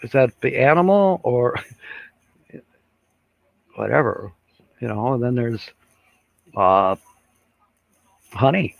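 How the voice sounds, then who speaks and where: An older man hosts a casual live stream, rambling, chuckling and using plenty of fillers while reading viewer comments. His voice is medium-pitched with vocal fry and no echo, and the recording sounds dull and lo-fi.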